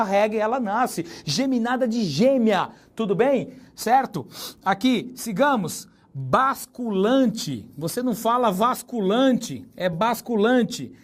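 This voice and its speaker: This is a joking male teacher from Brazil whose voice sits high, teaching Portuguese in a recorded lesson for exam prep. His style is talkative, and he slows down to spell out words, emphasizing each one.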